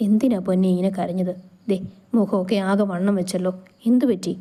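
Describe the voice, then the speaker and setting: A protective young man coaxing softly, with a mellow, gentle tone, as a woman storyteller reads him. His voice stays close to the narrator's own, warm and unhurried, in a romance story reading. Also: medium pitch, fairly even intonation, close to an everyday voice. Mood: soothing.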